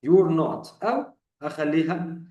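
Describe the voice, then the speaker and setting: A man's voice: fairly high pitch, expressive, measured pace, darkish tone, recorded from a distance, highs cut off. A man with an Egyptian Arabic accent giving a grammar lesson, walking through each point and repeating examples. He sits back from the mic, and his voice bounces around a roomy, echoing space. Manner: explains step by step, repeating examples and asking rhetorical questions. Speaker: English teacher. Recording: echoey room, voice off-mic.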